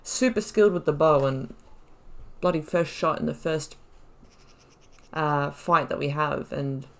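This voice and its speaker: A woman with a low voice chats her way through a role-playing game for her YouTube let's play, musing and thinking aloud at a measured pace.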